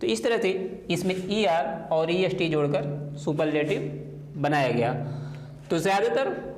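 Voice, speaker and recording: A male teacher walks through a grammar lesson at an unhurried, step-by-step pace. His voice sits a little high for a man, and he spells words out letter by letter. The recording carries a noticeable room echo. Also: expressive. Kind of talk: explaining English grammar in a lesson.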